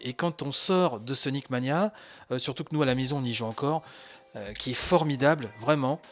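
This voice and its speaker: A man's voice: medium pitch, fairly bright tone. A man hosting a casual podcast, talking with many fillers and restarts. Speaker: podcast host.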